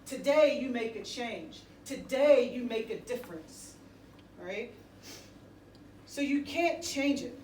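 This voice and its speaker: A woman's voice: fairly high pitch, lively intonation, slow, long pauses, a little mellow. Emphatic woman giving a pep talk, echoey room. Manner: emphatic, short declarative phrases with repetition. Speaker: motivational pregame speaker to a high school football team. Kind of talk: motivational speech. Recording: roomy echo, distant mic, faint noise.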